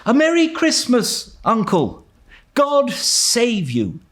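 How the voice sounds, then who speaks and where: A man voicing a cheerful, warm-hearted young nephew in fireside storytelling, with jolly exclamations. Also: extremely high pitch, wildly swooping pitch, takes it slowly, heavily acted. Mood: cheerful, hearty.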